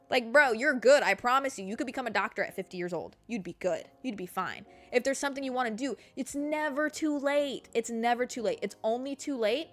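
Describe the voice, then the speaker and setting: This woman's voice is on the high side and fairly bright. In her twenties, specifically mid-twenties, she hosts a podcast and gives a casual motivational monologue, a blunt, swear-heavy pep talk addressing listeners as babe and girl.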